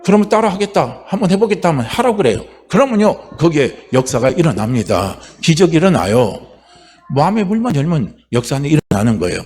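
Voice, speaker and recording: A man preaching a Sunday sermon as pastor, repeating phrases and asking the congregation questions, swinging from loud calls to low asides. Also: very animated, fairly quick, slight background noise. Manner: repetitive, call-and-response questions to congregation. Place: church sanctuary.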